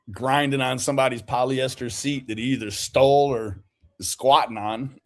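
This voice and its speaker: A man's voice: mid-range voice, steady tone, unhurried. A man giving mocking commentary over a clip, laughing often as he teases the people in it. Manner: laughs often, teasing and sarcastic. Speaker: streamer reacting to a call.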